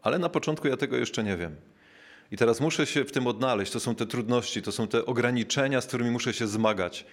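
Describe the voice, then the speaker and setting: A mid-range male voice carries a measured, reflective sermon. Slowing down on key words, he pauses now and then with small filler sounds as he reaches for his next idea.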